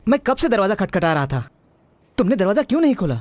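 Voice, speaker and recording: A man's voice: sits high, big pitch swings, fast, darkish tone, no echo. A man dubbing a young male student in a drama, who scolds and grumbles in an exasperated way. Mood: annoyed. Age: young adult. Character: young male student, restless, wants freedom. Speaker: dub actor. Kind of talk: dubbed drama acting.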